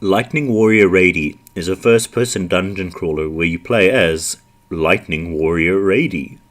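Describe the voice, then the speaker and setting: A man's voice: low-pitched, measured pace. A man who is sick with the flu, casually commenting on an old computer game with frequent ums. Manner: relaxed, with frequent ums and likes. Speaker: retro game channel host.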